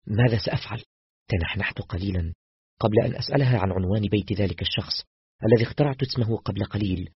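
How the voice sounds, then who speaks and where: Male storyteller, low and very raspy, fast first-person novel reading, dry close sound. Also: no echo, lo-fi sound. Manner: steady, quick dramatic narration.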